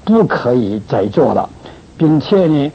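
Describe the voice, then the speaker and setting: A man's voice: mid-range voice, big pitch swings, unhurried, creaky, a little hiss or hum. A man giving an earnest, pleading pastoral message to his congregation, drawing out particles between phrases. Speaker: church leader. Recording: dull lo-fi recording.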